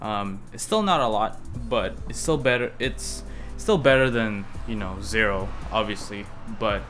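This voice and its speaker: A man's voice: fairly low pitch, measured pace, fairly bright tone, faint music behind. Casual rambling young man vlogging. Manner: loose, rambling, with frequent restarts. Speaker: car project vlogger. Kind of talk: casual vlog talk to camera.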